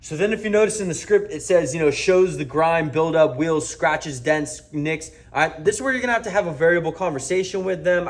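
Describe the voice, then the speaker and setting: A man coaching door-to-door sales, emphatic, acting out doorstep lines and checking in with "all right?" often. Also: a little high. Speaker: sales trainer.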